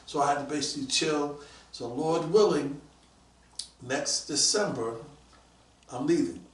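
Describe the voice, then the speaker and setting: A man around sixty tells his stories in a casual interview, lively and quick to act out other people's words. His voice sits a little high for a man. It echoes off a roomy space, with the mic set back from him. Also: far from the mic. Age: about 60. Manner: animated, acts out quoted voices, gets excited. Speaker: guest, police detective.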